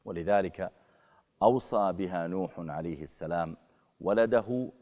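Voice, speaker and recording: A man preaching a sermon, rising sharply and forcefully on key phrases. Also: low voice, normal speed. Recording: long hall reverb.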